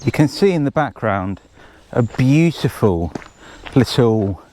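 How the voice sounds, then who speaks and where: A race organizer chats casually while running a forest trail, out of breath and rambling with jokey asides. His medium-pitched voice is expressive and mellow, taking things slowly, and there's a little hiss or hum.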